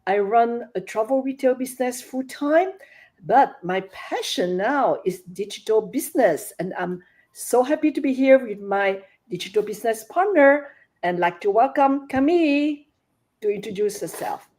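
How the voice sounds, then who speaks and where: Middle aged woman from vietnam and france, slightly high voice, friendly casual intro. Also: animated, moderate pace, a little mellow. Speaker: live show co-host.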